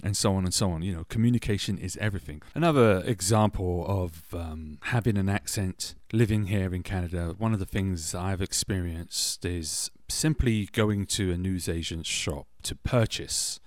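A man's voice: sits low, normal speed, hardly any pauses, no room sound, clean studio sound. A man from England with a British accent, hosting a podcast and telling personal stories in a chatty, anecdotal way with wry self-deprecating asides. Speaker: podcast host. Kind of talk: casual personal storytelling.

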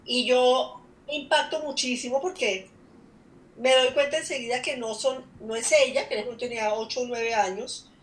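A woman hosts a conversational interview. Her voice is fairly high, and she talks in a reflective, earnest way. The recording carries a noticeable room echo. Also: steady tone, moderate pace. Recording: echoey room.

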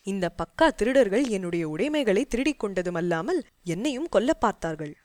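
A woman voicing a bold young male warrior envoy who speaks in rapid, defiant outbursts. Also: medium pitch, expressive, darkish tone, dry recording, close to an everyday voice. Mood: indignant.

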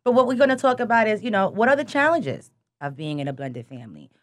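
A woman hosting a casual talk show, stretching out words as she raves about food. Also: mid-range voice. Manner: lively, drawn-out food praise. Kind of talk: casual chat.

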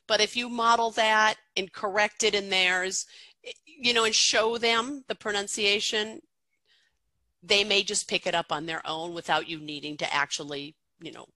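Middle-aged woman teacher, bright forceful voice, chatty with lots of fillers, dry close sound. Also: medium pitch, no echo, low-quality recording. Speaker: pronunciation teacher, guest. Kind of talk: explaining in an interview.

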